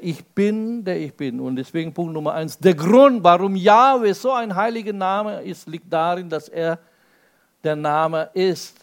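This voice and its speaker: Slow-speaking, expressive male preacher. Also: creaky. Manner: expressive, swings between loud emphasis and soft low asides; explains step by step with rhetorical questions. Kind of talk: sermon.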